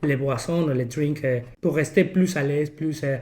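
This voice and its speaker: A man with a slightly high voice speaks French with a foreign accent, as a non-native speaker. He hosts a casual podcast, searching for words in a halting way and slipping in English terms. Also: fairly even intonation, mellow. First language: not French. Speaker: podcast host.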